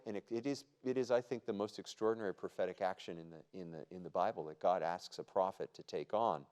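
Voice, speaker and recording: A man with a fairly low voice teaches a Bible study as the group's pastor. He talks conversationally and stops often to ask his listeners questions. His sentences restart now and then as he thinks aloud. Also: darkish tone.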